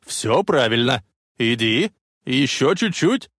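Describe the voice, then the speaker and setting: A man voicing an eccentric older scientist who shouts urgent encouragement. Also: medium pitch, big pitch swings, slow, no room sound, clean studio sound, full character voice. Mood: urgent encouraging.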